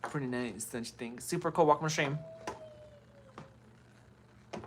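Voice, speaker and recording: A woman's voice: very deep voice, normal speed, slight background noise. A woman in her thirties hosting a casual livestream at home, greeting commenters by name while doing her makeup. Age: 30s. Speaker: livestream host. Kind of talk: casual live-stream chat.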